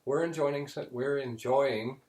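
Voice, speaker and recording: A man hosting a casual spiritual session, telling stories in a relaxed way. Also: medium pitch, unhurried, reverberant. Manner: relaxed storytelling, joke-telling.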